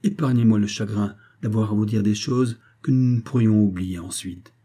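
Sad dignified young woman in an audiobook, subdued and weary, dark husky voice, read by a man. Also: fairly low pitch, steady tone, normal speed, close to an everyday voice. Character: sorrowful young wife, dignified and despairing. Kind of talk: audiobook character reading.

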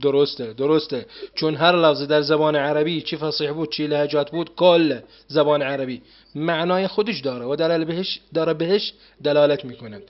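A man hosting an interview as a language teacher, encouraging his guest with quick affirmations. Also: a little high, dull audio. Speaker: Arabic teacher and host. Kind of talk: casual interview.

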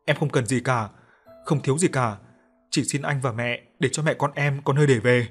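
A man's voice: medium pitch, normal speed, soft background music, close to an everyday voice. A man voicing a mournful young woman's ghost. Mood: pleading, mournful. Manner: tearful pleading.

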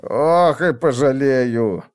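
A man's voice: mid-range voice, expressive, a little slow, smooth, dry recording, clean studio sound, close to an everyday voice. A man voicing a frightened, pleading quartermaster who whines in an audiobook. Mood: pleading fearful. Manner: whining, pleading. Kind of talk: audiobook character voice.

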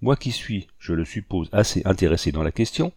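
A man reading an audiobook, voicing a young gentleman who speaks with polite, cold composure. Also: low-pitched, expressive, a little fast, breathy edge, dry recording, clean studio sound, exaggerated voice. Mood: cool. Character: young man, cool and formal.

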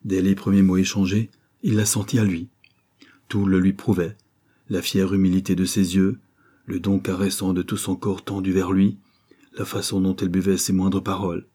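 A man reading a novel aloud as audiobook narrator, steady and expressive. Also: low voice, normal speed, slightly rough.

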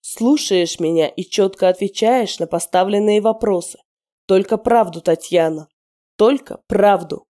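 A commanding young male werewolf, voiced by a woman reader in her own register. He gives curt, clipped orders in a warm, mellow tone. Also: mid-range voice, measured pace, lightly acted.

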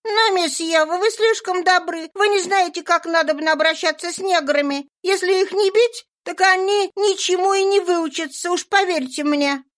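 A woman's voice: extremely high pitch, normal speed, few pauses, fairly bright tone, pitched above the performer's own voice. A woman voicing a harsh, indignant housemaid with a blustering manner.

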